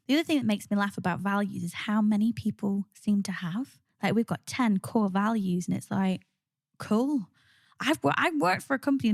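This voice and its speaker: A woman co-hosting a podcast in casual chat, lively and teasing. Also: medium pitch, vocal fry, no echo, clean studio sound. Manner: lively, quick to laugh, teasing. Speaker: podcast co-host.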